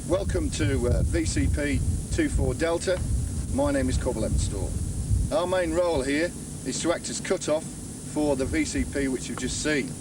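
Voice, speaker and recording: A man's voice: fairly high pitch, moderate pace. A man, an army corporal, giving a military briefing to camera. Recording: distant mic, noisy location sound.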